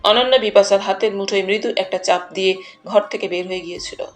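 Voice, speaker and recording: A woman narrating a detective audiobook in a measured storytelling manner. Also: medium pitch, steady tone. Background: faint background music.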